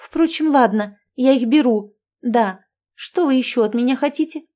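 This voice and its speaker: A woman's voice: high voice, normal speed, dark tone, pitched above the performer's own voice, close to an everyday voice. Woman doing flustered, defensive Nonna. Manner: nervous, defensive. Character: flustered young woman Nonna, nervous meddler.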